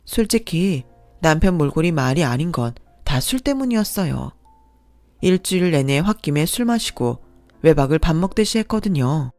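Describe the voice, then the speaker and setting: A woman's voice: deep voice, normal speed, no room sound, faint music behind. Woman narrating a radio drama story. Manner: calm, confiding first-person storytelling.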